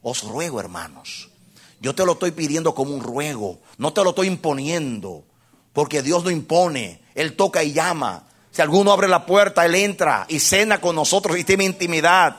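A man with a high voice preaches a sermon straight to his congregation. He asks them question after question and repeats key phrases for weight. He drops to a hush, then climbs to full, ringing force. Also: expressive, moderate pace. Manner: impassioned, swings from hushed to loud, repeats phrases for emphasis; addresses the congregation directly with questions.

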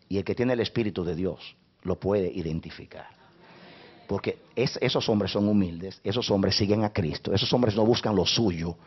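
A man preaching a sermon as pastor, impassioned, swinging between hushed passages and loud, rising preaching. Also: sits low, breathy edge. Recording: dull lo-fi recording.

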